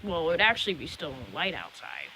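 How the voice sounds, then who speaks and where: A man's voice: fairly high pitch, huge pitch swings, brisk. A man rambling casually and apologetically to viewers, recording a vlog outdoors in strong wind at night. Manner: apologetic, repetitive talk. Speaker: amateur video blogger. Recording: very loud wind noise, outdoors. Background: loud gusting wind.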